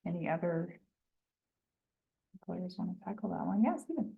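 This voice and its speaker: A woman's voice: fairly low pitch, lively intonation, normal speed, vocal fry. A woman hosting an online panel, affirming and encouraging, heard over a video call. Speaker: panel moderator. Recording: tinny narrowband video call audio.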